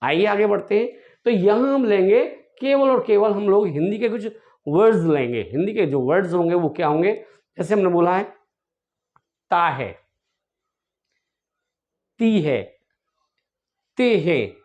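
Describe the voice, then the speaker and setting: Repeating words slowly as drills, a man teaches English grammar online and addresses his viewers with affection. He has a high, darkish voice, and the audio is dull.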